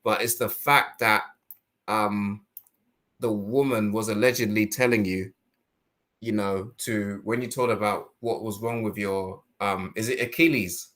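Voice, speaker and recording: A man hosting a casual podcast discussion, talking in animated rhetorical bursts. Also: fairly low pitch, unhurried. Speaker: host.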